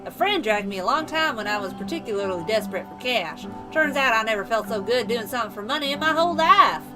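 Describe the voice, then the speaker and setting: A woman's voice: a little high, expressive, quick pace, natural voice. A woman putting on a folksy, drawling house-cleaner. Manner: drawling put-on country accent, folksy sayings. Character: folksy, homespun house-cleaner, chatty and old-fashioned. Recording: game music playing behind.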